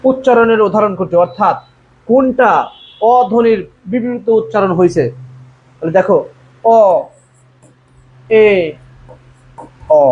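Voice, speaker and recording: Now sounding high and a little mellow, the admission tutor runs his live online class, reading viewers' comment answers aloud, addressing students as "bhaiya," and inviting the group to reply. The audio is dull, lo-fi, with faint noise.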